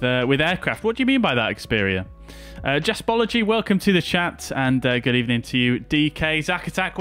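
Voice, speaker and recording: A man's voice: medium pitch, a bit bright. A man streaming a flight sim over a headset mic, chatting casually and greeting viewers by name with plenty of filler words. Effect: livestream headset mic audio. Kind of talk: casual livestream chat.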